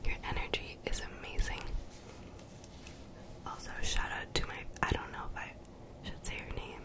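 Young female, fully whispered ASMR, soothing and encouraging, repeats phrases, very close on the mic. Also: moderate pace. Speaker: ASMR video creator. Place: small bedroom, indoors. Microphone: desktop condenser mic, very close.

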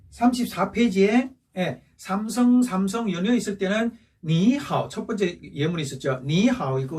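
A man's voice: sits high, darkish tone, slightly rough, recorded from a distance. A male teacher giving a patient recorded lesson, going over each point again and checking in with rising questions. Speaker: Chinese language teacher. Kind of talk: recorded classroom lesson for seniors.

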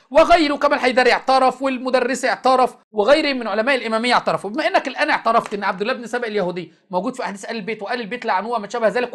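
A man's voice: very high-pitched, fairly bright tone. A man with an Egyptian accent hosting a call-in debate show, pressing and interrupting his caller in an insistent, teasing way. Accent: Egyptian Arabic.

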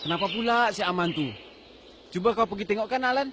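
A man's voice: sits high, fast, background noise, lightly acted. A man playing a bossy, fretful older village uncle in a voice drama, speaking with a tinge and scolding often. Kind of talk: amateur voice drama. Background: music.

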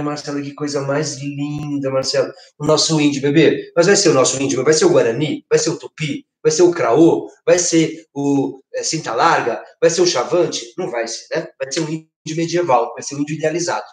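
A man's voice: on the high side, echoey room. A middle-aged man with a Brazilian Portuguese accent teaching an online literature lesson from home. He talks animatedly, gestures as he goes and keeps checking in with tag questions. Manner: lively, gesturing, asks frequent tag questions. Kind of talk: online exam-prep lesson. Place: home living room with a projected screen.

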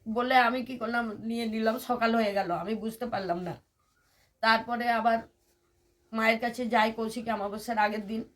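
A woman's voice: on the high side, steady tone, moderate pace, a bit bright. An older woman from West Bengal, a temple devotee, telling her personal story in an interview in an earnest, detailed way. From West Bengal, India. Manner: earnest, detailed recounting with many reported quotes.

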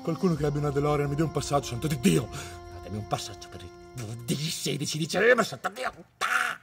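Comic host, male, high and wildly swinging voice, excitable and profane, music playing behind. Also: fast talker, gravelly. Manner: excitable, exclaiming and swearing. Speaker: comedy host. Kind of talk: comic reaction to a film trailer. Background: trailer music.

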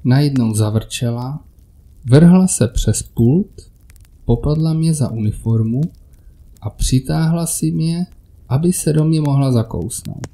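A man narrating a first-person horror story in a measured, scripted storytelling delivery. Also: mid-range voice, warm tone, slight background noise.

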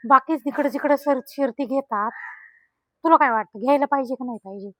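This is a middle-aged woman, chatting through a vlog outdoors at a cow shelter. Her voice sits high and rings bright, recorded close with little room sound. She coaxes in a sing-song way, chatty and homely. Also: brisk, no echo. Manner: coaxing, sing-song talk to cows. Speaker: vlogger. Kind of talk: casual vlog narration.

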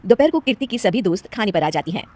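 A woman narrating an animated moral story in an even storytelling tone. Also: medium pitch, fast, no echo.

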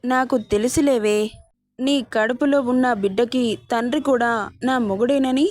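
A calculating older sister who is smooth and persuasive, voiced by a woman narrator. The voice sits fairly high, and the recording is dry and close. It sounds like a story being read aloud, without a distinct character voice. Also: moderate pace, darkish tone, no room sound, natural voice.

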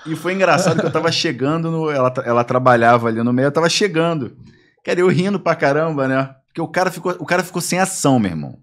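A Brazilian-accented man talks as a guest on a podcast, his voice pitched slightly above the usual for a man. He tells stories casually and with energy, often slipping into the voices of the people in them. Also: fast. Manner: animated, acts out voices in anecdotes. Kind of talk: casual storytelling.

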